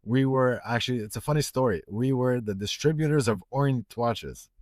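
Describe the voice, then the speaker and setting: A man's voice: mid-range voice, normal speed, darkish tone, dry recording, studio quality. A middle-aged man from Egypt, a watch retailer, talking casually in a podcast interview with many fillers and restarts.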